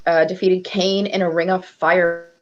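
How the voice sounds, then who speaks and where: A woman's voice: fairly low pitch, flat delivery, measured pace, no echo, lo-fi sound. A woman casually reading out wrestling results as a podcast co-host over a video call, her voice breaking up on a bad connection. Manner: reads off lists with fillers and asides. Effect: dropping in and out over a bad online call connection. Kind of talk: casual wrestling history recap.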